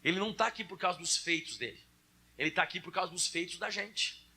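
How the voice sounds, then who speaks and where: A man's voice: high voice, fast talker, bright, forceful tone. A Brazilian man preaching a sermon in a conversational way, speaking straight to his congregation. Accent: Brazilian Portuguese.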